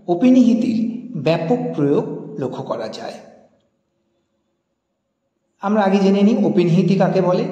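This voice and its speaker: Guy giving a lesson, repeats example words letter by letter, echoey muffled room, long reverb. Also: dark tone. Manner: repeats and spells out example words, stressing the first word of each example. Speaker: teacher. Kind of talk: spoken lecture on Bengali dialects. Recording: echoey, dull, low-fidelity room.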